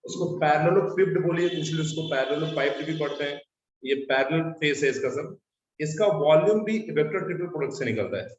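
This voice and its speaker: A man's voice: a little high, expressive, a little fast, a little hiss or hum. A male maths teacher lecturing a class. He repeats key terms and keeps asking the students whether they follow. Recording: distant, echoey, muffled classroom recording.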